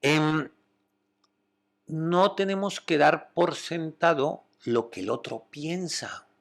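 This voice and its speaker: A man with a Spanish accent, a psychologist calmly explaining communication and often checking that listeners follow. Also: fairly high pitch, takes it slowly, creaky. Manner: calm, explanatory, checks understanding with "¿vale?".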